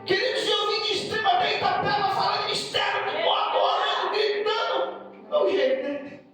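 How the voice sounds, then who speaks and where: A Brazilian pastor preaching a sermon, telling his story with emotion and breaking into shouts. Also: very high-pitched, brisk, very echoey, far from the mic, music in the background, poor audio.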